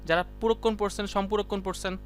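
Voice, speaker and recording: A man teaching a class in a casual, chatty way, quizzing students by name and often wrapping up points with a quick "done". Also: sits high, steady tone, soft background music. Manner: colloquial, keeps saying "done" and "see". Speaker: ICT teacher. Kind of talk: casual live class lecture.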